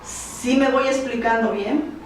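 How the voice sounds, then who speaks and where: A woman giving a lecture to an audience, speaking slowly and emphatically as she lists one point after another. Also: on the high side, slight background noise. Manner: slow, emphatic delivery of long lists. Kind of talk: motivational lecture. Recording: very echoey hall, from far off.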